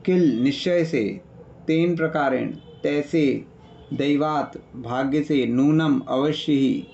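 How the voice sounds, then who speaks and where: A male teacher leads an online revision class in a slightly high, gravelly voice. He speaks slowly and patiently, lists word meanings and keeps checking that his students follow. The call audio sounds a little dull and muffled. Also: darkish tone. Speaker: Sanskrit teacher.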